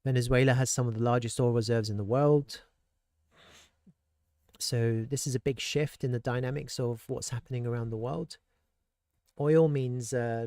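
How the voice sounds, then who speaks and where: A man's voice: mid-range voice, darkish tone, dry recording, studio quality. A man giving casual, thinking-aloud commentary on crypto charts and world events, with rhetorical asides and frequent restarts. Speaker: crypto market analyst.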